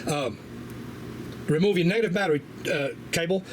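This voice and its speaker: Mechanic, man, higher-than-usual voice, easygoing rambling shop talk, faint shop noise. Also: moderate pace. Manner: relaxed, rambling, many fillers and restarts. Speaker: auto mechanic. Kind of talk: casual how-to repair walkthrough. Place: auto repair shop. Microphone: camera on a tripod.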